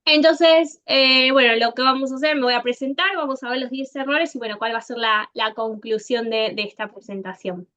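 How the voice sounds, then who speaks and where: An Argentine woman with an Argentine Spanish accent gives an online conference presentation as a consultant, speaking to the audience directly in a chatty style full of "eh" fillers. Her voice is a little high, bright and forceful, moving at a moderate pace with hardly any pauses, though the recording sounds muffled.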